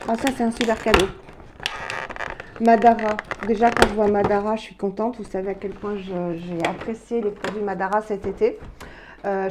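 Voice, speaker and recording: A woman's voice: mid-range voice, dark tone. A woman in her fifties chatting through a skincare review with many fillers and restarts. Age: 50s. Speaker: beauty vlogger. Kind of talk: casual product review.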